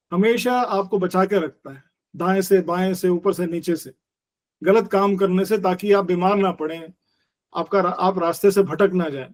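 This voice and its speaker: Man in his sixties, yoga teacher, earnest explaining, high voice. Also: a little mellow. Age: 60s. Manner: earnest, explanatory, mixes Hindi and English, uses everyday analogies. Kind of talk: conversational interview.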